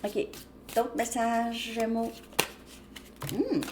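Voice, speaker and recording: A woman's voice: on the high side, steady tone, drawn-out words, noisy background. Rambling Québécois woman reading tarot. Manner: loose, rambling speech with frequent restarts. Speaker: tarot reader. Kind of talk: casual tarot reading to viewers.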